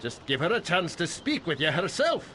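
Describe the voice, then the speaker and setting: A man's voice: fairly high pitch, huge pitch swings, normal speed, fairly bright tone, slight background noise. An actor voicing a fawning, nervous man who tries to recruit a hero in a game cutscene, with flowery, obsequious speech. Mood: ingratiating. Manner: flowery, obsequious, stammering when flustered. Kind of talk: video game cutscene acting.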